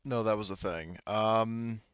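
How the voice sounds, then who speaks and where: The audio is slightly muffled but has no room sound, capturing a man's fairly low, fairly bright, clear and resonant voice at an unhurried pace. As game master of a tabletop RPG, he casually thinks through rules and dice, occasionally cursing.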